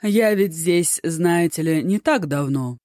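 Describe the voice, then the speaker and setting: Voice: medium pitch, animated, slow pace, a little mellow, no echo, clean studio sound. A narrator voicing a flamboyant, tipsy male poet who is effusive and theatrically pleased with himself. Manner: effusive, theatrical, self-satisfied.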